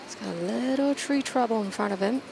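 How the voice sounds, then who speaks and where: A woman's voice: on the high side, fairly quick, creaky. Female on-course golf commentator, very noisy outdoors. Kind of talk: live golf commentary, conversational. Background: loud ambient noise.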